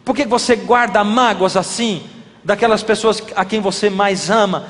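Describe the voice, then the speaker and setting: A man's voice: sits high, normal speed, fairly bright tone. A man preaching a sermon, asking the audience many questions and acting out little dialogues. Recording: reverberant hall.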